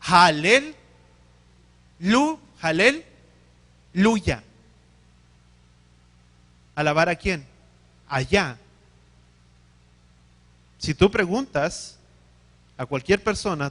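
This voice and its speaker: A man preaches in a high, bright voice. He teaches carefully, puts questions to his listeners and corrects himself as he goes. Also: measured pace, pauses often. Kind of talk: sermon.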